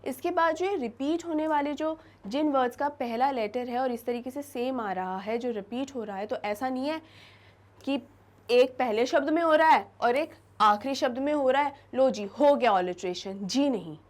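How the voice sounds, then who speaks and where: A woman teaching an English lesson to students, explaining in Hindi mixed with English, slowing down and repeating example words for emphasis. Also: sits high, a little mellow. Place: classroom-style studio lesson.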